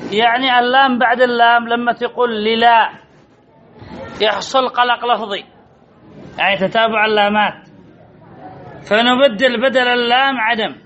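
A man's voice: very high voice, bright, forceful tone, a little hiss or hum. A man teaching Arabic grammar in a classroom, quizzing students and repeating key answers as drills, on a dull lo-fi recording. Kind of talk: classroom lesson with questions to students.

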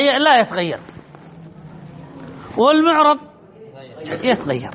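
High-voiced man teaching, dull lo-fi recording. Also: a bit bright. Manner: questions the students and answers himself, repeats key words. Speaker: grammar teacher. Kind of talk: classroom lesson on Arabic grammar. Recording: dull lo-fi recording with faint noise.

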